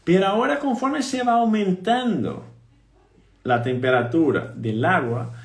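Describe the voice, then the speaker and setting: A man teaching a live online physiotherapy lesson, animated, repeating key points and quizzing his audience. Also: medium pitch, roomy sound.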